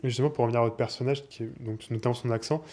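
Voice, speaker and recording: A man's voice: mid-range voice, steady tone, rapid-fire, darkish tone. A man interviewing guests, asking long run-on questions.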